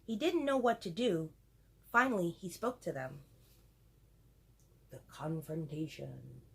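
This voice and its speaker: A woman's voice: on the high side, very animated, moderate pace, a bit bright, a little hiss or hum. A woman reading a picture book aloud to children and adding chatty asides to her listeners. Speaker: storyteller for children.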